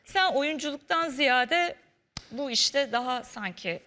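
A woman's voice: sits high, slow pace, long reverb tail. A woman co-hosting a studio talk show, handing out compliments and asking guests questions. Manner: warmly complimenting, expressive. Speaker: co-host. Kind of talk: casual studio chat.

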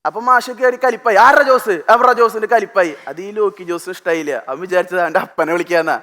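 Fast-talking young man. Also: high-pitched. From Thrissur, Kerala. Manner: rapid, animated storytelling with mimicked voices. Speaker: stand-up comedian. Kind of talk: stand-up comedy routine on stage. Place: TV studio stage. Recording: stage mic with music and audience. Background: music and a live audience.

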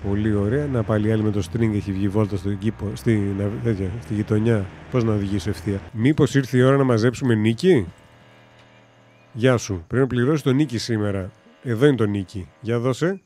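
A man's voice: on the low side, steady tone, mellow, a little hiss or hum. A man giving casual let's-play commentary in a joking, sarcastic way with mild swearing. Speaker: gaming commentator.

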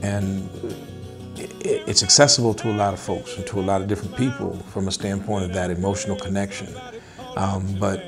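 A middle-aged man, a blues musician, speaking in an unhurried, thoughtful interview with many small pauses. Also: low voice, level tone. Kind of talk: relaxed interview talk. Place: indoors, wood-paneled room, seated at a table. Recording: interview with guitar music mixed underneath.

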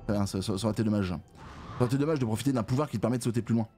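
A man's voice: on the low side, rapid-fire, mellow, soft background music. A man giving frustrated gameplay commentary, groaning and swearing as he complains. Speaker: let's play gamer.

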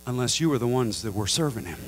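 A middle-aged male pastor preaching a Pentecostal sermon into a handheld mic, swinging from low, measured talk to high, fervent appeals and calling on the congregation to respond. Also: slight background noise. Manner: asks the crowd for response. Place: large church sanctuary with a congregation. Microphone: handheld microphone.

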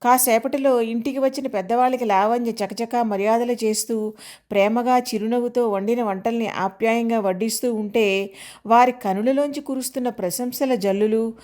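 Woman narrating an audio story. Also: a little high. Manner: measured, expressive reading.

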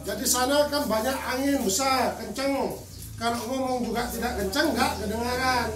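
An older man from Madura speaking loudly and forcefully to a crowd at a charity event, joking with the audience. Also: very high voice, moderate pace. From Madura, Indonesia. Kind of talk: addressing a crowd. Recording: echoey, distant mic with crowd noise.

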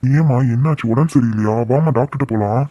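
Brief: middle-aged cartoon father voiced by a man, mellow, fast, caring but insistent. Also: mid-range voice, no room sound, highs cut off, lightly acted. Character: middle-aged village husband and father, remorseful. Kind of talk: cartoon drama voice acting.

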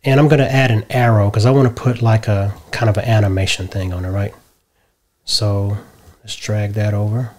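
A middle-aged man explaining a software tutorial step by step from a home office, often checking in with "right?". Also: lowish voice, moderate pace. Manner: relaxed step-by-step explaining, tags lines with "right?". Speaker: tutorial host. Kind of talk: screen-share software tutorial.

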